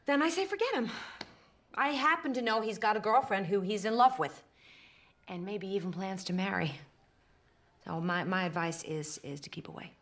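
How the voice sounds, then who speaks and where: An actress playing a weary, jealous middle-aged woman who stammers nervously and swings from hushed to agitated. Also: mid-range voice, lively intonation, moderate pace. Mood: bitter. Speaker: actor in a film scene. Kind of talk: naturalistic film acting.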